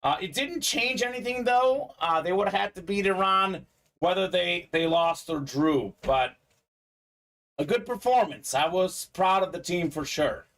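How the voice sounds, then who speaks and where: Upbeat high-voiced male live-stream host. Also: lively intonation, a little slow, fairly bright tone. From Bulgaria. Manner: upbeat, chatty, reads out viewer comments. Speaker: sports card break host. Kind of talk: live-stream sales patter.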